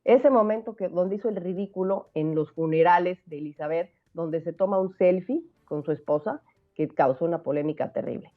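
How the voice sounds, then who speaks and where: A woman's voice: lowish voice, a little fast. Chatty woman on a phone line. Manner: chatty, lively gossip tone. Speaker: radio commentator. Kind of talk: casual radio commentary.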